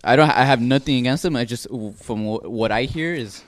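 A man's voice: mid-range voice, brisk. A man chatting as a podcast guest, laid-back and swearing, often calling others "dude". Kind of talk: casual podcast chat.

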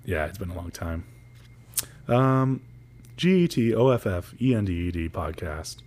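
A man's voice: low-pitched, lively intonation, moderate pace, a little mellow. A man hosting a podcast in loose, joking, casual chat with some swearing. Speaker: podcast host.

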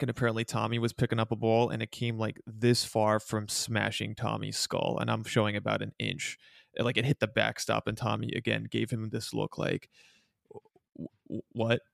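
A young man co-hosting a podcast, telling stories in a relaxed, casual way. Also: on the low side, creaky, dry recording, clean studio sound. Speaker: podcast co-host. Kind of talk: casual chat.

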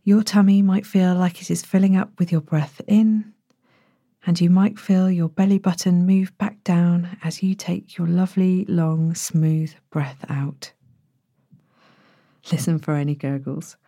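A woman guides a bedtime body-scan meditation as a sleep story narrator, speaking in a low, very mellow voice with a breathy softness nearing a whisper. Her tone is steady and her gentle instructions unhurried, recorded at studio quality without echo.

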